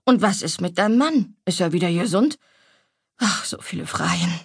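A woman voicing a stout, older female cook who is bossy but motherly, fussing and scolding warmly. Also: fairly low pitch, expressive, normal speed, husky, no echo, clean studio sound.

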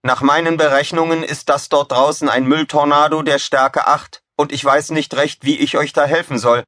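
A man's voice: fairly high pitch, steady tone, normal speed, fairly bright tone, no room sound, studio quality, pitched above the performer's own voice, close to an everyday voice. A man voicing a cheerful, polite talking ship computer in a storybook. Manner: chirpy, polite machine voice.

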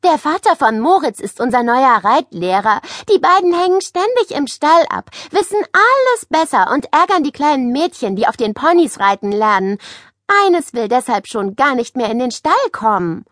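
A woman reading an audiobook voices a chatty, excitable schoolgirl who gushes over everything. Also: sits high, moderate pace, no echo, studio quality, voice pushed up. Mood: indignant. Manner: gushing, excitable. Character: chatty schoolgirl, spoiled but friendly now.

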